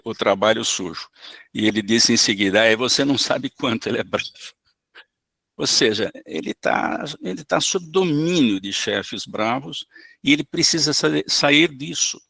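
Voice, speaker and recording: A man giving an online spiritist lesson, calm and explanatory in a teacherly way. His voice is gravelly, with a bright, forward tone. The sound is dry and close. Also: on the low side, dry recording. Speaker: spiritist course instructor. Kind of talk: online lecture.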